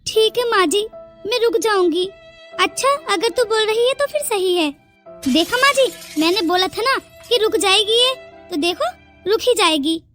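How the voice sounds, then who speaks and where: A woman voicing the family of a cartoon story in quick, bickering domestic chatter. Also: very high voice, expressive, a bit bright, soft background music. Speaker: narrator voicing all family roles. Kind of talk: cartoon voice acting.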